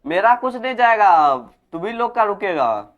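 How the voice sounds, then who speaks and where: A man's voice: high-pitched, very animated, normal speed, fairly bright tone. A male physics teacher, giving a classroom lecture, repeating key terms as questions to his students. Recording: dull lo-fi recording.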